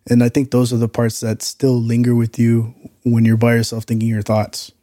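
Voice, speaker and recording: Male podcast co-host, soft-edged mellow tone, medium pitch, reflective casual chat with slang. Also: monotone, moderate pace, dry recording, clean studio sound.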